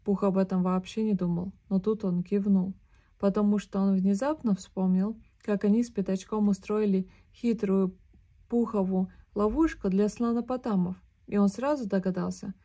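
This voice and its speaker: A woman reading a children's book aloud as a storyteller, in a calm, measured way. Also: medium pitch.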